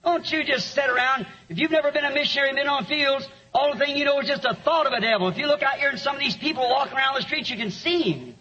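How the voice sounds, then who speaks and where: A preacher with a very high, bright voice, telling stories that climb into shouted lines. The sermon was recorded lo-fi, so the sound is muffled and dull. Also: male voice, brisk, few pauses. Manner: storytelling, rising to shouts. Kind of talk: sermon with an interpreter.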